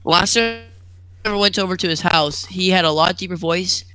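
A man's voice: high-pitched, brisk, bright, forceful tone, smooth, low-quality recording. A teenage boy co-hosting a casual podcast, rambling and laughing, with lots of "like.". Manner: rambling, laughs often, says "like" a lot. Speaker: podcast co-host. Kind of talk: casual chat.

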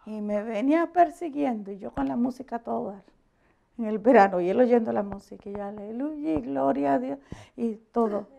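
A woman pastor giving a conversational sermon, telling animated stories, laughing often and checking that her listeners agree. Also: on the high side, a little fast, gravelly, muffled recording. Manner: animated storytelling, asks the audience for agreement; laughs often while preaching.

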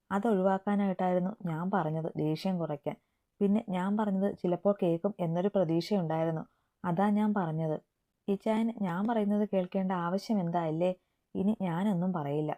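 A woman voicing a hurt young woman who pleads softly but firmly in a story reading. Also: on the low side, lightly acted. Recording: tinny phone-like sound.

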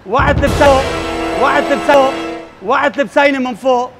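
A man's voice: very high voice, fast talker, creaky, music in the background. A man pulling a street prank, insistently repeating his complaint to a driver. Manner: insistent, repeats himself, plays the wronged neighbor. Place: city street outdoors by parked cars.

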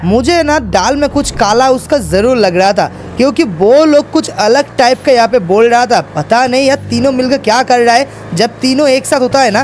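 A man's voice: very high-pitched, slight background noise. A man narrating a game role-play in a chatty way, talking straight to his viewers. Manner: chatty, addresses viewers, repeats fillers. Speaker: gaming YouTuber narrating as Franklin.

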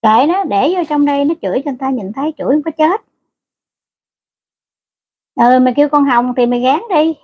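Blunt high-voiced woman. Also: a little fast, pauses often, lo-fi sound. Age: middle-aged. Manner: blunt, scolding and crude toward commenters. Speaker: livestream host. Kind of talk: casual livestream chat.

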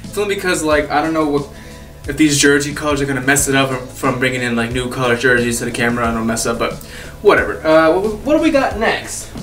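A man's voice: mid-range voice, quick pace, a bit bright, distant mic. A young man from Peru chatting casually in a vlog, rambling and enthusiastic with lots of fillers. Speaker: YouTuber. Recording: roomy echo, off-mic, faint music.

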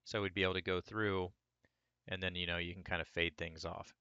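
Still hoarse from a cold, a man with a low, gravelly voice that keeps cracking talks through each step of a 3D sculpting screen-recorded tutorial in a relaxed way. He speaks fairly quickly; there's no room sound and the audio is lo-fi.

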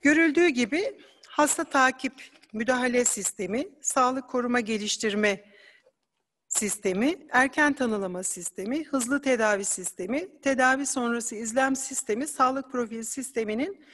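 Walking through her slides at an academic conference, a woman speaks measuredly, now and then hesitating with fillers. The recording carries a big-room sound, and her voice comes across slightly high and somewhat bright.

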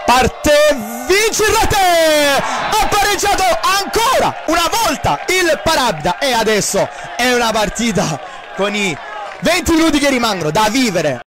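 A man giving breathless, excited live football goal commentary, shouting and repeating his phrases. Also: very high-pitched, moderate pace, very noisy. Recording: loud crowd behind. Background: football crowd.

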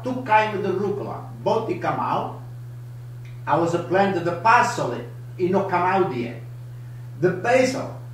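An older man in his seventies with an Italian accent, hosting a live home cooking show in broken, animated English. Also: high-pitched, distant mic, slight background noise. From Italy. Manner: broken English, lively, gestures a lot. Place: home kitchen, indoors. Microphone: camera across the counter. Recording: echoey kitchen, voice from afar.

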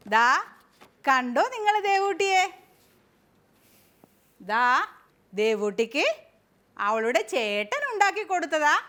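Woman kindergarten teacher, high and lively, slow sing-song storytelling delivery. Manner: sing-song, coaxing, asks the children questions. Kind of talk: storytelling lesson for small children.

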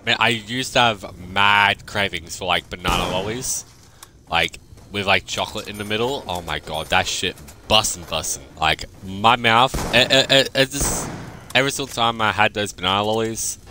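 Deep-voiced young man rambling. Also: normal speed, pushed and bright, slight background noise. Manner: rambling, chatty, swears freely. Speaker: gaming youtuber. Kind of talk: casual gameplay commentary.

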